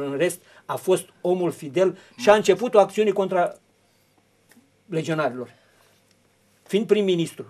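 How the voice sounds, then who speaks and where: A man's voice: on the high side, darkish tone. Rambling man explaining history. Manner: long rambling explanations with many fillers and restarts. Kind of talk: televised history discussion.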